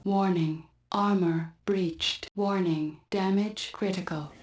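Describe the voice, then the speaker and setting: Woman as a slow robotic mech computer voice. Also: medium pitch, fairly even intonation, a little hiss or hum. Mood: cold alert. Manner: terse clipped warning announcements. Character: female onboard computer of a combat mech, cold and flat. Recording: game audio under loud gunfire and explosions.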